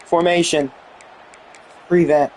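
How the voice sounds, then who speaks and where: A young man giving excited commentary on a football video game he is playing, exclaiming and mildly swearing. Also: fairly high pitch, takes it slowly, slight background noise. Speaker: gaming YouTuber.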